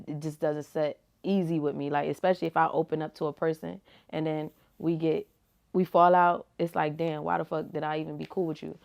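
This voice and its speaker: Low-sitting and marked by vocal fry, her voice comes across clear with a resonant tone. She is a young woman, a rapper and reality TV personality, giving easygoing, slangy interview answers as a guest, full of "like" and "you feel me."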